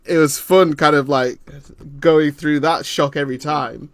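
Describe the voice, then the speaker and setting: A man's voice: fairly high pitch, steady tone, a little slow, dry recording. A man from Leeds, England, talking reflectively in an interview, with frequent ums and some laughter. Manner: thoughtful, hesitant with frequent ums; laughs often while telling stories. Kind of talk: reflective conversation.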